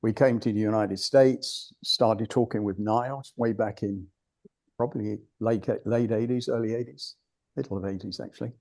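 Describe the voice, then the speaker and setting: With vocal fry and a darkish tone, an older man from the UK speaks at normal speed in a lowish, fairly even voice. He's a guest speaker giving a club an informal presentation, blunt and wandering off topic, frequently beginning his sentences again.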